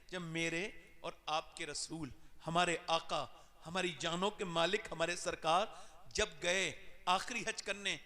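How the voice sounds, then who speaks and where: A man preaching an emotional sermon, his voice swinging sharply from loud cries to low, hushed passages. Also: fairly even intonation. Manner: impassioned, sweeping swings in pitch and loudness. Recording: long reverb of a large hall.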